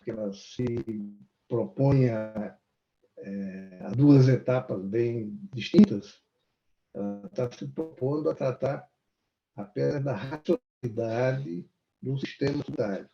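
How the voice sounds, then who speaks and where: A man with a Brazilian Portuguese accent gives a formal lecture over a video call, and his voice breaks up in a choppy buffering stutter. He speaks in a measured way, with pauses and restarts. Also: mid-range voice, gravelly, warm tone, soft background music. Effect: choppy buffering stutter from a bad internet link. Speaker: guest lecturer on tax reform. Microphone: lapel mic on a video call. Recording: dull, lo-fi video call audio.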